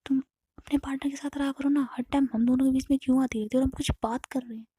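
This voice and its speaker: A woman voicing a rude, pushy young man in a spoken love story, with sharp taunting retorts. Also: high voice, fairly even intonation, quick pace, husky, dry recording, pitched above the performer's own voice. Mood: irritated.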